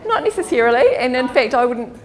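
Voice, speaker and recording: A New Zealand woman, a career counsellor, gives a chatty, informal workshop talk in a meeting hall, laughing often. Her voice sits high with big pitch swings and a fast pace, a crowd is audible behind her, and the hall adds long reverb.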